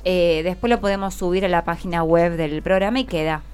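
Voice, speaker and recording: A woman with a Rioplatense Argentine accent hosts a friendly radio interview with schoolchildren in a radio studio, encouraging them with short questions and affirmations in a conversational way. Her voice is on the low side, a little fast, darkish, clear and resonant.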